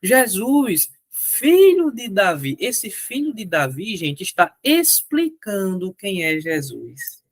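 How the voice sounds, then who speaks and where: Lively Brazilian male teacher. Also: sits high, slow, no echo. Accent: Brazilian Portuguese. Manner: animated, asks questions and answers them himself. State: strained throat. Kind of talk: online grammar lesson.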